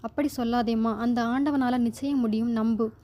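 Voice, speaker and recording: An older father-in-law, gentle and anxious, slowly soothing his family, put on by a woman reading a story aloud. The tone is mellow and rounded, sitting a little high. It comes across as a storybook scene. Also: fairly even intonation, close to an everyday voice. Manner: slow, reassuring. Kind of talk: storybook narration.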